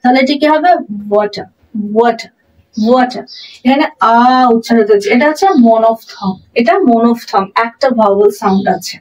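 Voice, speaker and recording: A fairly high-voiced woman explains pronunciation as a teacher. She repeats each example word slowly and with care. Her voice sounds a bit distant from the mic. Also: darkish tone.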